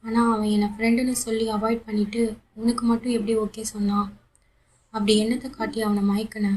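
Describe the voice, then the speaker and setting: A woman voicing a heartbroken young woman lashing out in jealousy in a romance audiobook. Her tone is bitter and accusing. The voice is slightly husky and on the high side. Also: little pitch movement, brisk, darkish tone, poor audio. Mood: jealous.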